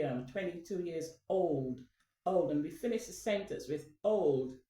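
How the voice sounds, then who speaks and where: This woman hosts a channel and chats loosely with her audience, often restarting and padding her speech with fillers. She has a warm, lowish voice, and the mic sits far away in a room full of echo.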